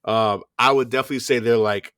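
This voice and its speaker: Animated young man with a New York accent. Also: mid-range voice, quick pace, dry recording, studio quality. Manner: animated, swears freely, laughs often. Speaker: podcast co-host. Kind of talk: casual chat.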